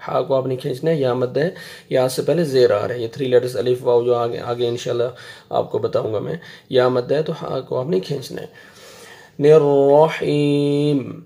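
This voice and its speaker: A middle-aged man teaching Quranic letters, patiently drilling each sound and repeating it slowly and loudly. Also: medium pitch, fairly even intonation, gravelly. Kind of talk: Quran recitation lesson.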